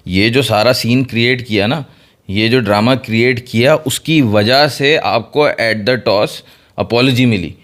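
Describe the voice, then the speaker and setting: Measured man explaining. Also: medium pitch, a bit bright. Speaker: co-host. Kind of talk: casual cricket chat.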